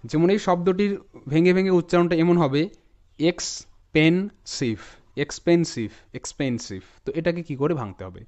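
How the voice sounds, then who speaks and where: A man with a Bengali accent teaches English spelling, splitting words into syllables and repeating them for his viewers. His voice sits fairly high and sounds smooth and clear. The recording is a bit dull and lo-fi. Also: a little mellow. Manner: explains patiently, breaking words into parts and repeating them slowly; talks straight to viewers, often checking in with "okay?". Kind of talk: spelling and pronunciation lesson.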